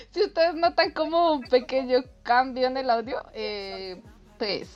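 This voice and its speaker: A woman, co-hosting a podcast and telling a story in an animated way, laughing often. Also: sits high, slow pace, muffled recording, soft background music. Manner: animated, laughs often, lively quoted voices. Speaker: podcast co-host. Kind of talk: casual chat, storytelling.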